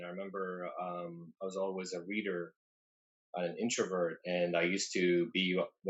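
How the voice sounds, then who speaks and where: A young man with a very deep voice, from Lebanon, speaks as a guest on a video call. He talks in a soft, thoughtful way and pauses on "um" now and then. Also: low-quality recording. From Lebanon, raised in the Middle East. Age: young adult. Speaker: dentist and book collector, guest. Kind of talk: casual video call interview.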